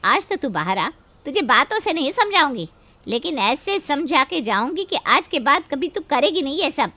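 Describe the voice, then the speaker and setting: A woman voicing a loud, quarrelsome neighbor woman in a cartoon, yelling and scolding. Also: high voice, very animated, normal speed, no echo, full character voice. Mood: angry. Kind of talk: cartoon voice acting.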